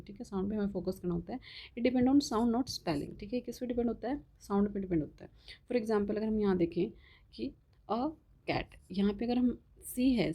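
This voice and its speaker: A woman with a medium-pitched, mellow, slightly breathy voice teaches grammar to exam students. She keeps posing questions to the class and answering them herself, often checking with "ठीक है?", and spells example words slowly.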